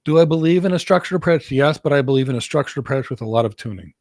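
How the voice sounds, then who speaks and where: A cloud architect from Greece, speaking with an American accent, hosts and races through viewers' career questions in a mid-range, slightly mellow voice with lively intonation. He's emphatic and often repeats words for stress, and the clean studio recording has no echo.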